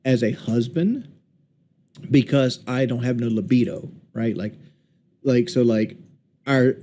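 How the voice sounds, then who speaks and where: A man in his late thirties in a casual voice chat, rambling candidly and haltingly. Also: mid-range voice, dark tone, slight background noise. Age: 30s. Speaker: streamer.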